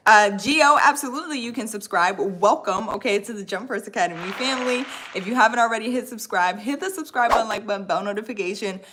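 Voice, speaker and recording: Talking fast with few pauses, a livestream host and course coach in her thirties goes through viewer comments and discusses online courses. She sounds friendly and upbeat in a mid-range voice, frequently using "y'all" and "right," with background noise audible.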